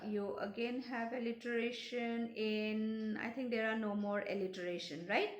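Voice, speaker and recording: A woman with a fairly high voice teaches a poetry lesson, patiently spelling out words letter by letter and going over each point again. The sound carries a noticeable echo of the room around her. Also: a bit bright. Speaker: English teacher. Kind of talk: explaining a poem's literary devices.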